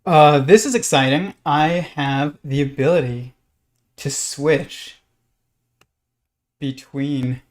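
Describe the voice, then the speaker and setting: Halting, casual man hosting a livestream, scratching behind. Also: a little high. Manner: halting, rambling delivery. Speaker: live stream host. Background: pet lizards scratching in background.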